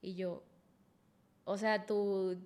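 A woman's voice: mid-range voice, level tone, extremely slow, darkish tone. A woman with a Mexican accent, a podcast guest telling a personal story frankly and emotionally, full of fillers.

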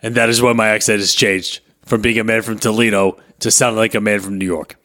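A man's voice: lowish voice, little pitch movement, a little fast, fairly bright tone, close to an everyday voice. A man playing a bossy, foul-mouthed ad man. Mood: angry. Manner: angry, barking orders, profane. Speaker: podcast co-host. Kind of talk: improvised comedy role-play.

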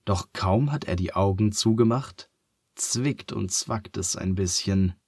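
A man tells a bedtime story in a slow, soothing way. His voice is low and breathy. The recording is close and dry. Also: darkish tone, dry recording.

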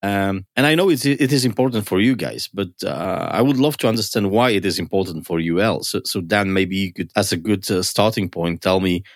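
A man's voice: deep voice, a little fast, hardly any pauses, dry recording, studio quality. A man hosting a science podcast in a conversational, explaining style, with an enthusiastic, curious manner. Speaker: podcast host.

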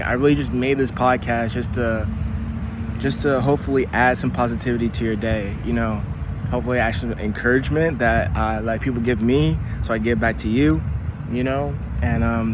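An upbeat man rambles warmly into a phone video, shot outside on wireless earbuds, with traffic and car noise clearly heard behind him. His voice sits at an ordinary middle pitch, and he fills the gaps with "um" and "you know". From United States. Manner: upbeat, rambling, encouraging, many fillers. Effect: recorded on a phone for video. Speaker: podcast host. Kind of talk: casual motivational vlog talk. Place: outdoors near traffic and a train line. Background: street and car noise.

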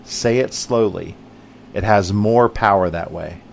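Male podcast host, slow deliberate read, somewhat low voice, emphatic motivational monologue. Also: vocal fry, slight background noise. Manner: measured, emphatic contrasts.

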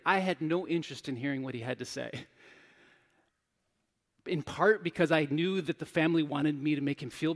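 A man delivers a sermon in a candid, self-deprecating storytelling manner. His voice sits slightly high with a gravelly edge. The sound carries a long reverb, as if captured in a large hall. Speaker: pastor.

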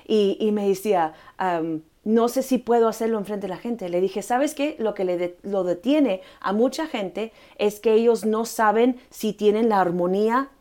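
A woman's voice: mid-range voice, normal speed, hardly any pauses, dark tone. A middle-aged woman hosting a faith talk show, speaking earnestly and casually, slipping English words into her Spanish. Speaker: podcast host.

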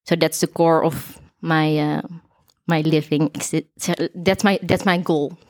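A woman with a smooth, clear voice, speaking as a guest in an informal podcast conversation. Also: sits low, steady tone, a little slow. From Aruba, later moved to the Netherlands. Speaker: student panel guest.

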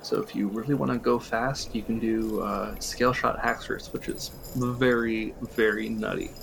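A man with a gravelly, fry-edged voice talks through game strategy in a relaxed podcast chat. He explains at length and chuckles along the way. A faint hiss sits under the recording. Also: fairly low pitch, normal speed. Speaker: podcast co-host. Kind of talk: casual chat.

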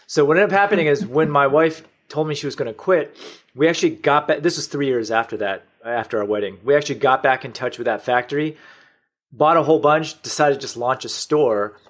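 A middle-aged American man with a mid-range, fairly bright voice talks a little fast. He's an online store owner appearing as a podcast guest, telling his business story matter-of-factly in a conversational interview.

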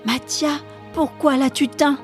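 A woman's voice: sits high, steady tone, measured pace, soft background music, voice pushed up. A woman voicing a dazed, unsure young boy asking questions. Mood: bewildered.

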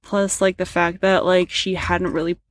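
A woman co-hosting a casual reaction chat rambles about a competition show, full of fillers and frustrated sighs. Her voice is on the low side, with a flat delivery at a moderate pace, and the recording is dry.

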